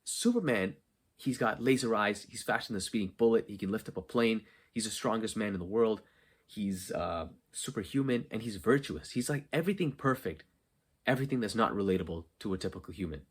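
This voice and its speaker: Husky earnest man giving podcast advice. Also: on the low side, animated, brisk. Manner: earnest, emphatic, asks and answers own questions. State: just after working out. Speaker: podcast host. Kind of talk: solo motivational podcast talk. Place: unfinished basement.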